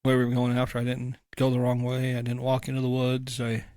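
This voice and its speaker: A man's voice: mid-range voice, monotone, fast talker, a little mellow, no room sound, clean studio sound. Easygoing man joking on a podcast. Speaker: podcast co-host. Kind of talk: casual chat. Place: home room.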